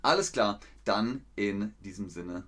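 A man teaching German in a live lesson, answering viewers' chat questions slowly and clearly with encouragement. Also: on the low side, fairly bright tone. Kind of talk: live-streamed language lesson.

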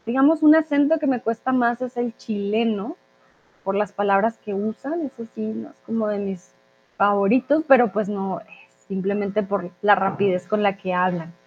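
A woman from Colombia, a language teacher, casually answering viewer questions in a live chat, often pausing on "eh". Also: mid-range voice. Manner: chatty, with frequent "eh" fillers. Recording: thin phone-like audio.

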